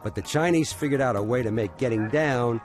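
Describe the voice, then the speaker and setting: This studio voice-over features a man with a medium-pitched, brisk delivery reading scripted documentary narration. His telling is upbeat and wry, and soft music plays underneath.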